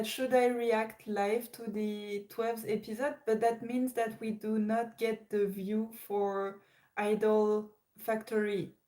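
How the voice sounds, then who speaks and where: Slow, hesitant woman with a French accent. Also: a little high, a little mellow, rough recording. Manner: hesitant, many fillers and restarts. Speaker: livestream host. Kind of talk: casual livestream chat with viewers.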